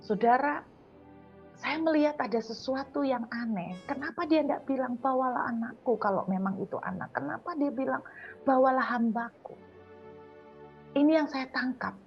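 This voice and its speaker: A woman preacher with an East Javanese accent gives a morning devotional sermon in a conversational way, slowing down to stress key words. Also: high-pitched, lively intonation, vocal fry, lo-fi sound, faint music behind. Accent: East Javanese Indonesian. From Surabaya, East Java.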